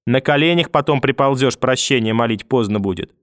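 A man's voice: mid-range voice, fairly quick, fairly bright tone, no room sound, studio quality, natural voice. A man reading an audiobook and voicing a furious, vicious old grandmother who scolds, curses and threatens. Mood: threatening.

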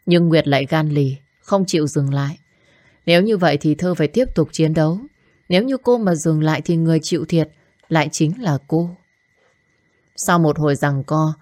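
A woman narrating a storybook in a calm, measured way. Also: deep voice, dry recording.

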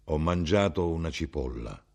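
A man playing a sick, bedridden peasant who speaks slowly in a low, hollow voice. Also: animated, creaky, darkish tone, full character voice. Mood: weary. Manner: slow, low, hollow from far off.

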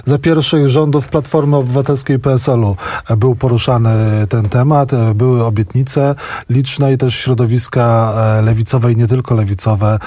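Frank, dark-voiced male radio commentator. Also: medium pitch, fairly even intonation, moderate pace, dry recording. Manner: frank, opinionated, thinks aloud with restarts. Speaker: newspaper journalist, studio guest. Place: radio studio.

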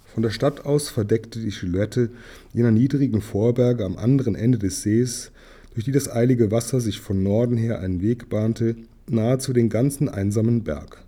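Guy reading an audiobook out loud, dark husky voice, steady storytelling. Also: medium pitch. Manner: steady storytelling with small slips. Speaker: audiobook reader. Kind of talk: audiobook narration.

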